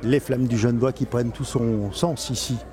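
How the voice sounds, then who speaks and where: Out on a crowded town street, a man who is both club president and event reporter gives live, halting commentary, often pausing and repeating himself. His voice is medium-pitched, steady and dark, and the outdoor recording picks up crowd and street noise.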